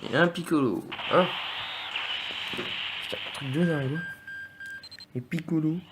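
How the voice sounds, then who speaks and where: A man giving live commentary on his game pulls in an excitable, joking way, often swearing and talking straight to his viewers. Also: a little high, measured pace. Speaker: gaming video host. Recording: clear background noise.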